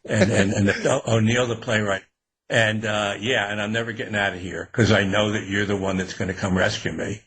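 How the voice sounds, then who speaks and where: A man's voice: fairly low pitch, little pitch movement, fairly quick, a bit bright, husky, rough recording. A man, a guest author, talking in a casual interview, rambling and restarting often with a chuckle.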